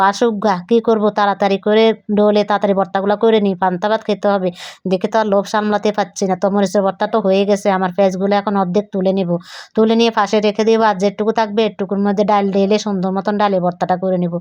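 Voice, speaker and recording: Fast-talking woman food vlogger, crisp dry voice. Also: medium pitch, level tone, a little mellow, dry recording, highs cut off. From Bangladesh. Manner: chatty, homely, describing each step. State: voice keeps going hoarse. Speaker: cooking vlogger. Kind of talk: recorded voice-over for a cooking vlog.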